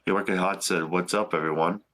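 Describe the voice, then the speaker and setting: A man's voice: low-pitched, fairly even intonation, brisk, a bit bright. Man sounding like a payphone call. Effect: tinny payphone-like sound from the wrong mic. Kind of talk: casual livestream chat.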